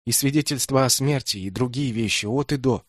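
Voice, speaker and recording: A man's voice: mid-range voice, fairly quick, dry recording, studio quality, close to an everyday voice. A man voicing an anxious adult daughter who scolds and insists. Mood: persuasive. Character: bossy anxious adult stepdaughter.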